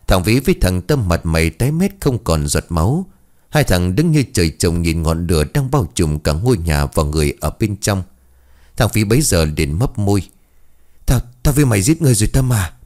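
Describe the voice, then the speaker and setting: Man, storyteller, ghost story narration, low voice, lively intonation. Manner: dramatic, expressive storytelling.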